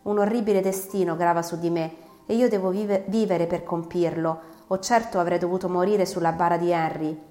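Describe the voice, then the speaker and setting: A woman's voice: fairly low pitch, fairly even intonation, brisk, hardly any pauses, warm tone, close to an everyday voice. A woman voicing an anguished young man, a feverish prisoner, crying out in an audiobook reading. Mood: pleading. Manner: cries out in terror and sudden joy. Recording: roomy recording, faint music.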